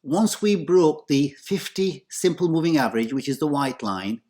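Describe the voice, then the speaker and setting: A man's voice: on the high side, moderate pace, darkish tone. Earnest man hosting a market commentary. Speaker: host of a crypto market commentary channel. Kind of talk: solo commentary video.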